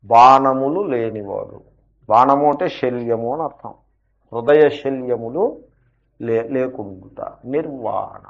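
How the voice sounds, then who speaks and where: Male spiritual teacher, dull old recording. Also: mid-range voice. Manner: explanatory, rhetorical questions, slow emphatic asides. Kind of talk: scripture lecture with commentary.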